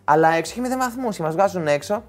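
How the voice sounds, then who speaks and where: A man's voice: high-pitched, soft background music. A young man telling a long story casually to friends, acting out the people in it. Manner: animated, acts out voices in anecdotes.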